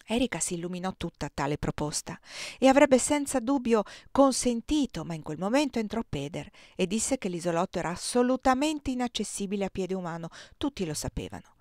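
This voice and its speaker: A woman narrating a classic novel aloud with a measured, expressive reading. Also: medium pitch, no room sound, clean studio sound. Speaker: audiobook reader. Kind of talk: literary narration.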